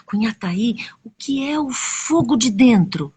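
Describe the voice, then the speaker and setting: A woman's voice: a little high, expressive, a little slow, warm tone, husky, heavily acted. A woman doing an anxious little macaw. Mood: wondering.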